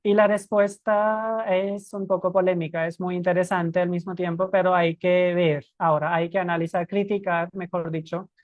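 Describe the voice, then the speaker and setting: A woman's voice: on the low side, little pitch movement, moderate pace, few pauses, no room sound, dull audio. A woman teaching Spanish teachers in a live stream, explaining emphatically and correcting herself as she goes.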